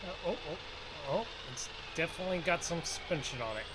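Thinking out loud through his gameplay, a man gives relaxed, folksy roleplay commentary for a gaming video. His voice is a little high, brisk and lively in intonation, set against the loud rumble of a game truck's engine.

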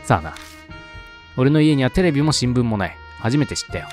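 Gruff young loner hero, curt and dry, read by a man, faint music behind. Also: mid-range voice, big pitch swings, a little fast, a little mellow, close to an everyday voice.

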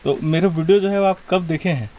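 A young man from Chhattisgarh, talking into a phone camera held at arm's length as he walks through a village and asks people quick, curious questions. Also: high-pitched, mellow, slight background noise. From Chhattisgarh, India. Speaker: travel vlogger. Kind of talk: casual walking vlog with interviews. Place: outdoors in a rural village.

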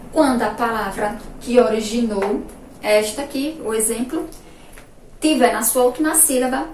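Slow-spoken woman teacher in an echoey room. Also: fairly high pitch, a little mellow. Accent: Brazilian Portuguese, Sergipe. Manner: slow, drawn-out words with questions to pupils and praise. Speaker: primary school teacher. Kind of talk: remote classroom lesson. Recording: echoey room, voice from far off, faint noise.

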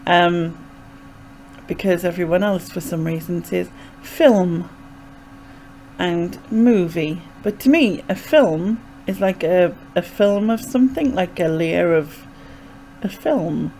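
A woman's voice: on the low side, slow pace, darkish tone, slight background noise, poor audio. A young woman with a Sunderland Mackem accent, chatting casually and hesitantly as she explains things in a rambling way. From North East England. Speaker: vlogger. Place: small bedroom indoors. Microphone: desk microphone with pop filter, close.

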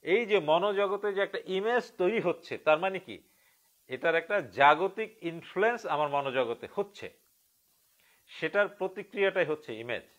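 A man from Bangladesh teaching meditation in a live-streamed spiritual lecture, speaking slowly and deliberately, drawing out key words and putting questions to his listeners. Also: high voice, lively intonation, a bit bright.

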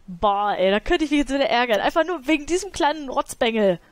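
A woman's voice: high voice, animated, fast, no room sound. A woman hosting a let's play, commenting casually on her game and scolding her characters with exasperated, laughing outbursts.

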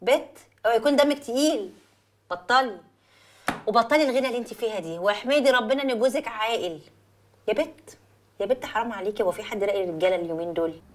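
An actress playing a calm young best friend who soothes and coaxes, speaking with an Egyptian accent. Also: female voice, a little high, fast talker, slight background noise, natural voice. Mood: teasing. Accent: Egyptian Arabic. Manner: soothing, coaxing, playful. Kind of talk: Egyptian film acting.

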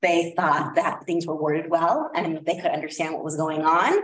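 A woman with a low voice and fairly even intonation speaks at a moderate pace, with slight background noise. She's a district administrator casually presenting a curriculum recommendation at a school board meeting, using many fillers. The room is echoey and she sits far from the mic.

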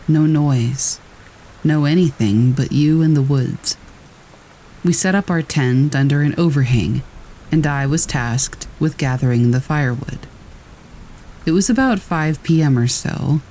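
This is a low-quality recording of a man reading a scripted horror story, his voice sitting a little high. Steady rain noise lies over everything he says, filling the background.

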